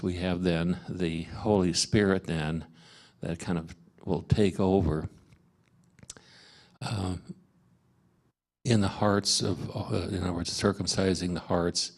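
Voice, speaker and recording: A man leading a parish Bible study, explaining scripture in a halting way with many fillers and restarts. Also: low-pitched, fairly even intonation. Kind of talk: informal Bible study teaching. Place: parish meeting room.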